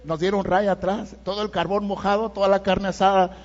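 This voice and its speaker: A middle-aged man with a Mexican accent delivers a sermon in a conversational way, checking in with his listeners as he goes. His voice sits high for a man. The sound is muffled and dull, and it trails off in the long reverb of a big church hall. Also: little pitch movement, fairly quick. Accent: Mexican Spanish. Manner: conversational preaching with frequent "¿verdad?" asides. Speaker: pastor.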